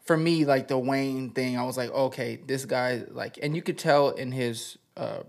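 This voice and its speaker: A man in his thirties with a gravelly edge and a mid-range voice, speaking as a guest in a casual interview. He reflects loosely on his music background, pausing and restarting as he thinks. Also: medium pitch. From United States. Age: 30s. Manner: relaxed, reflective, with many fillers and restarts. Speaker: guest, rapper and poet.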